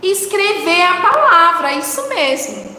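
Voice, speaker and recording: A high, bright woman's voice with a Brazilian accent leads children through a recorded lesson. She coaxes them along, asking questions and answering them herself. The sound rings in a reverberant room with a long tail and faint background noise. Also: sing-song, takes it slowly. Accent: Brazilian Portuguese. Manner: warm coaxing teacher talk, asks questions and answers them. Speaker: teacher.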